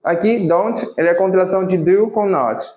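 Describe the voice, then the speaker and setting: A man with a Brazilian accent teaching an English lesson, slowly repeating example phrases for practice. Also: sits high, a little mellow. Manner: slow, drawn-out model phrases repeated for practice. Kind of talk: language lesson. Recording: roomy, slightly dull recording.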